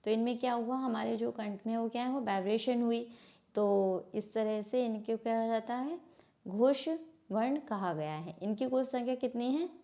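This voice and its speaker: Speaking at a moderate pace in a slightly high voice, a woman explains Hindi grammar to her class from a book. She frequently interrupts herself with corrections while asking and answering her own questions. Audio quality is lo-fi and slightly dull.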